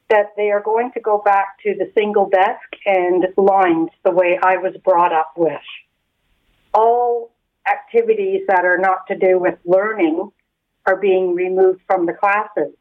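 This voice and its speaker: A woman's voice: mid-range voice, fairly even intonation. Woman on a tinny phone line. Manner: earnest, emphatic, with pauses. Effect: heard over the phone. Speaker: radio caller, lunch supervisor. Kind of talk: call-in radio chat.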